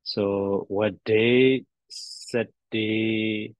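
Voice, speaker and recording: A man teaching grammar as he recites word forms, halting and repetitive as he thinks aloud. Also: lowish voice, steady tone. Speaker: teacher, addressed as a Buddhist monk. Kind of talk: grammar lesson on verb endings, reciting forms. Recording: dull, roomy lo-fi audio.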